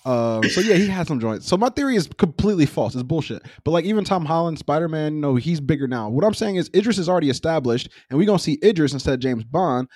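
A young man co-hosting a casual chat show, loose and profane, opinionated and animated as he argues his points. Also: a little high, quick pace, few pauses, no room sound, clean studio sound. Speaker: podcast co-host.

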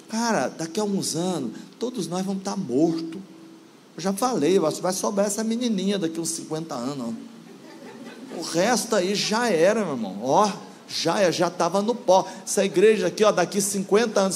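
A man's voice: high-pitched, a little hiss or hum. A man in his sixties preaching in a conversational, playful way, often asking the congregation questions. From Brazil. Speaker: guest preacher. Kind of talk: sermon.

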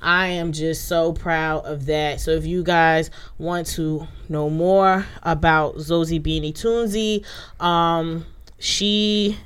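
Low smooth-voiced woman podcasting, kinda sick and monotone today, lots of ums. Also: slow pace. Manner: loose, chatty delivery with many fillers. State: under the weather, a bit monotone. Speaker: podcast host. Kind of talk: casual chat.

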